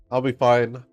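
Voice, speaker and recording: A man with a mid-range voice hosts a gaming channel, chatting casually over gameplay while his nose sounds stuffy and congested, rambling and laughing between comments. The audio is dry and dull, with soft game music faintly behind him.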